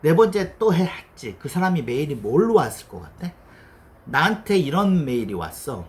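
A man's voice: on the high side, big pitch swings, moderate pace, slight background noise. A middle-aged man lecturing casually as a developer, blunt and teasing, swearing now and then and acting out quoted asides. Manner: voices his past self and others in quoted asides. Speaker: developer giving career advice.

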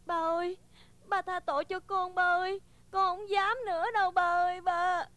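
A weeping, pleading daughter. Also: female voice, very high-pitched, flat delivery, a bit bright, dry recording. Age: 20s. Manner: drawn-out pleading cries. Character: young village woman, tearful and pleading.

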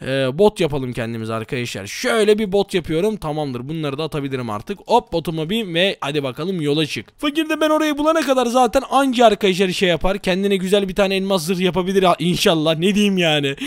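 A man hosting a gaming channel, giving excitable gameplay commentary straight to his viewers. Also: high voice, quick pace, hardly any pauses, smooth, no echo, studio quality.

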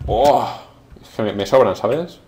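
Excitable man with lively pitch. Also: a little slow. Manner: excitable, exclamatory reactions. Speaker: gameplay commentator. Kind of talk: let's play commentary. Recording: audible background noise and keyboard clicks.

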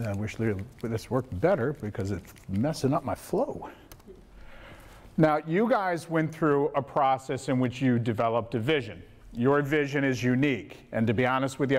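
Loud booming man with a teacher's voice. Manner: gets louder when animated, asks the room questions. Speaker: workshop facilitator for a school board. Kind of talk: interactive presentation to a meeting. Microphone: lapel mic.

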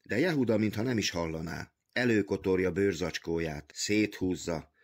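A man reading a literary novel aloud as an audiobook, with measured, even storytelling. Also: low voice. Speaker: audiobook reader.

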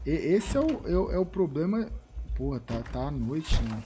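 A man with a Brazilian Portuguese accent streams a video game and talks his viewers through it. His voice sits a touch high for a man. His talk is loose and slangy, and he keeps repeating short phrases while he thinks aloud. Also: very animated, moderate pace, background noise. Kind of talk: live gameplay commentary.

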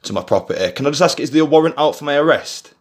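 A man's voice: on the high side, lively intonation, very fast, echoey room. A young man talking informally and hesitantly, often repeating phrases and calling people mate. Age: young adult. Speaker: vlogger on a phone call with police. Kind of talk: conversational phone call, informal. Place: small indoor room at home.

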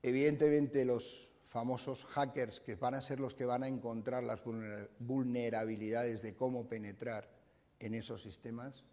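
An older man lectures to a room, talking in a mellow, dark voice and filling his pauses with "eh". His speech rings with the long reverb of a lecture hall. He is recorded on a lapel mic. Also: mid-range voice, fairly even intonation. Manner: explanatory, frequent "eh" fillers and restarts. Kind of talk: conference talk.

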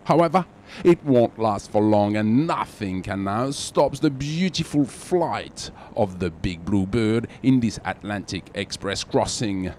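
A man with a French accent, reading scripted sailing news as the show's presenter in a measured, dramatic voice-over. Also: lowish voice, lively intonation, darkish tone, slight background noise. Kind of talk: scripted sports news narration.

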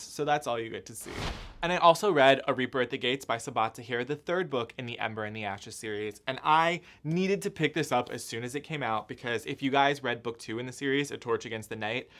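A man's voice: mid-range voice, quick pace, fairly bright tone. A young man hosting a casual book haul vlog, chatty and upbeat, cracking self-mocking jokes while filming alone indoors. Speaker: book vlogger.

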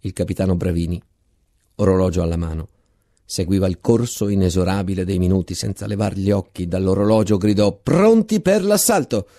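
A man giving an intense, measured dramatic reading of a literary text, repeating words for effect. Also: sits low, level tone, warm tone. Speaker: reader.

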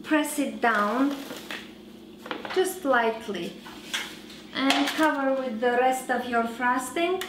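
A woman in her thirties hosting a home cooking show, giving slow, relaxed instructions with frequent fillers while she works. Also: high voice, reverberant, background noise. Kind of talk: cooking demonstration. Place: large home kitchen.

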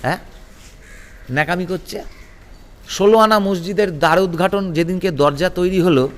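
A man's voice: high voice, normal speed, in a large hall. A man giving a heated political interview, combative and rhetorical, firing off grievances in bursts. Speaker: political guest.

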